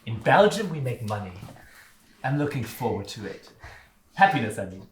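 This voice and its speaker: A man playing a fellow sideshow performer who speaks in halting, simple, broken phrases. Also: medium pitch, very animated, lightly acted. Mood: gentle. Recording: echoey room with faint noise.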